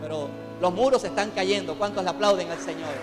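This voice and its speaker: A man's voice: high voice, a little fast. A man preaching a fervent sermon as pastor in a church, calling out to the congregation. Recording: long hall reverb, faint music behind.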